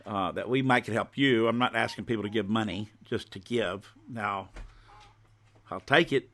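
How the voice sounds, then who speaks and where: Guy doing a laid-back home shopping host pitch on a livestream, bright forceful voice, a bit low. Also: normal speed. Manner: folksy, informal show-and-tell. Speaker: host of a live stream selling his own goods.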